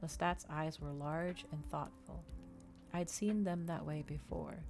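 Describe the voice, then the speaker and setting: A low-pitched woman streamer gives a soft ASMR reading of a story to her listeners, her storytelling measured and expressive.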